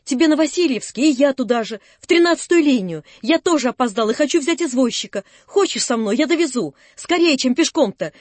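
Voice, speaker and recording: Earnest young guy pushing hard, read by a woman, higher voice, dry close sound, audiobook. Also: animated, a little fast, few pauses, dry recording. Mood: urgent. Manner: urgent, pleading. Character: earnest young man, kindly and pressing.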